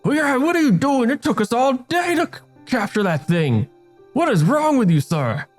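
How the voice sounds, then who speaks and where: A man voicing a big, blunt male sailor crewmate who yells in a raised, exasperated voice. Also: big pitch swings, normal speed, faint music behind, heavily acted. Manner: high exasperated shouting.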